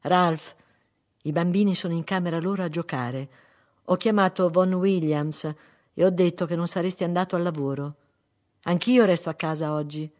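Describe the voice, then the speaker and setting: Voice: mid-range voice, fairly even intonation, normal speed, a little mellow, natural voice. A reader voicing an anxious adult wife who keeps pleading through a locked door in an audiobook. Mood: coaxing. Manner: pleading, insistent. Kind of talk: audiobook reading.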